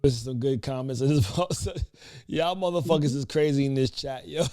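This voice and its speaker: A man's voice: mid-range voice, a little fast, dark tone. A man co-hosting a live podcast, reading chat comments in loose, profane, laughing banter.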